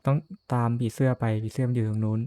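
A man's voice: mid-range voice, level tone, rapid-fire, dark tone, no room sound. A man playing a horror game and commenting as he goes, jumpy, cursing and laughing nervously. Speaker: gamer.

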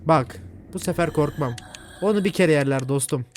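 A young man with a Turkish accent giving chatty, jumpy commentary while playing a horror game, yelling at scares. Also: fairly high pitch, normal speed, slight background noise. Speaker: gaming channel host.

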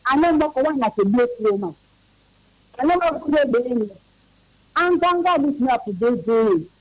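A man reporting in as a correspondent on a radio call-in, talking in a rambling, halting way. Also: extremely high pitch, expressive, a little mellow, no room sound, poor audio.

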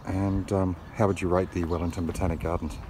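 A man's voice: sits low, little pitch movement, brisk. Male travel vlogger, middle-aged, informal and chatty, recorded on the move with heavy wind and road noise. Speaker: travel vlog host. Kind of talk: casual travel chat. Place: outdoors at lookouts and inside a moving car.

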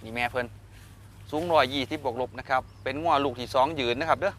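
A man with an Isan accent sells live to his viewers in a fast, hyped patter. His voice is bright and forceful, and he keeps calling out to the audience and checking for agreement. There is some background noise from an outdoor location. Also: mid-range voice. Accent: northeastern Thai (Isan). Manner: repeatedly addresses viewers and prompts for agreement. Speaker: host of cattle-sale videos.

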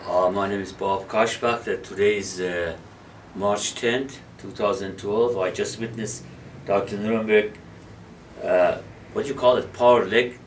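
A man's voice: on the low side, steady tone, unhurried, distant mic, a little hiss or hum. A man giving a short witness statement, hesitant and searching for words.

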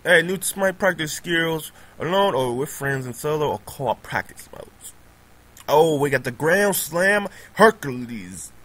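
A man casually commenting on his own game as he plays, excitable and prone to repeating himself. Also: on the high side, unhurried, rough recording. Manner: excitable, repeats pleading words, laughs often. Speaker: gamer recording gameplay commentary. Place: at home on a laptop.

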